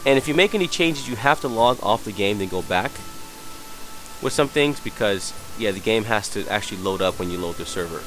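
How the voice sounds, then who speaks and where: A hungover, sick man giving an unscripted software tutorial, hesitant and apologetic as he searches around. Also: fairly low pitch, expressive, a little fast, soft background music. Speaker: tutorial presenter.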